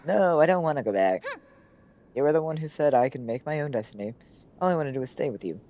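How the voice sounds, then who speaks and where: A man voicing an excitable young boy in a video game, who talks eagerly and pleads to tag along. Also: on the high side, quick pace, voice pushed up, poor audio. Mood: pleading.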